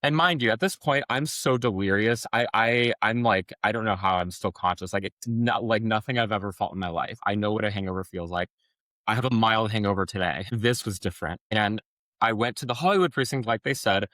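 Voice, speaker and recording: Low-voiced man telling his story. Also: brisk, fairly bright tone, dry recording. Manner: rambling, frank storytelling with many restarts and fillers. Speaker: podcast guest. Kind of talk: personal testimony in an interview.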